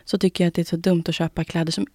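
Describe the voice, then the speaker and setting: Podcast host, young woman, gravelly, dry close sound, animated storyteller. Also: lowish voice, no room sound. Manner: animated storytelling, acting out both sides of dialogues. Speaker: podcast host sharing her weight-loss journey. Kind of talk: casual chat.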